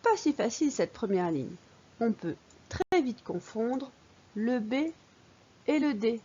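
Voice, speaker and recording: A woman's voice: fairly high pitch, expressive, slow pace, warm tone, slight background noise. A woman, teaching early reading to young children and patiently sounding out syllables. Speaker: primary school teacher. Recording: dull lo-fi recording.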